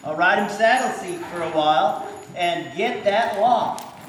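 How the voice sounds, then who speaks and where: A man leads a riding clinic, pointing things out as a horse moves and firing questions at his audience. His fairly high voice comes from far off in a very reverberant arena. Hoofbeats and steady noise sit clearly underneath. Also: measured pace. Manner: instructive, keeps quizzing the audience with questions. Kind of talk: live teaching commentary at a riding clinic. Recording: echoey, distant, noisy arena sound.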